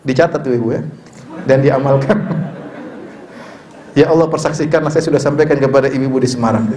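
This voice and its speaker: A man's voice: medium pitch, fairly even intonation, quick pace, crowd noise. A middle-aged man preaching a sermon, conversational and joking, who swings into emphatic exhortation. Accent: Indonesian. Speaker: Islamic preacher. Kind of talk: sermon with humorous asides.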